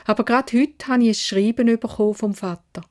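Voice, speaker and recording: A woman's voice: a little high, fairly quick, darkish tone, voice pushed up, lightly acted. A woman storyteller voicing a kind, worried young woman, speaking earnestly with a Swiss German accent. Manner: earnest, caring speech.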